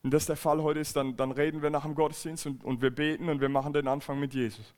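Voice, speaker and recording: A man's voice: a little high, little pitch movement, quick pace, darkish tone. A man preaching a church sermon, earnest and emphatic, often repeating and restarting phrases. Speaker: pastor. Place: church service.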